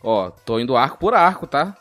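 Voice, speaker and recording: A man's voice: mid-range voice, sing-song, normal speed, a bit bright, soft background music. A man with a Brazilian accent in casual gaming chat, guessing in a quiz, swearing often and thinking aloud with frequent laughs. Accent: Brazilian Portuguese. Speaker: quiz player.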